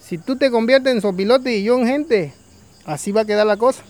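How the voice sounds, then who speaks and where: Weary vulture from a spoken folk tale, man doing it, warning tone, raspy, fairly high. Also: fairly quick, darkish tone. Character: weary, sorrowful male vulture.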